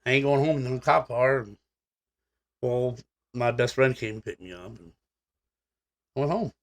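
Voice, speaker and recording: A man's voice: medium pitch, moderate pace. Guy rambling through a story on a podcast, cursing a lot, plain mid voice. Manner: blunt, profane, rambling storyteller. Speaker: podcast co-host. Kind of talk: casual storytelling chat.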